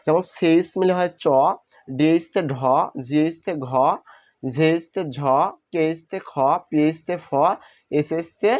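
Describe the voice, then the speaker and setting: Patient male teacher, higher voice. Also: fairly even intonation, unhurried, dark tone, no room sound. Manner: patient, repeats questions and answers them himself. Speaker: English teacher. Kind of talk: spoken classroom lesson.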